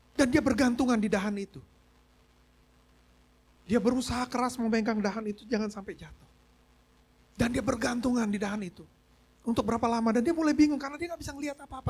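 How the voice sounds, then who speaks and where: A man's voice: very high voice, fairly bright tone. A man preaching a sermon as pastor, telling a story and mixing English phrases into his talk. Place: church service.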